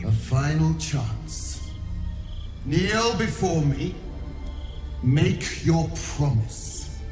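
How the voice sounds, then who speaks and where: A woman's voice: low voice, full character voice. An actress playing an imperious undead tyrant queen in a video game, speaking with commanding, theatrical menace. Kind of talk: dramatic video game acting. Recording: echoing voice over loud music.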